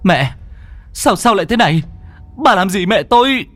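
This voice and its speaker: A man voicing a panicked young boy in a horror story, speaking higher and louder. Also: expressive, normal speed, no echo, soft background music. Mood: frightened.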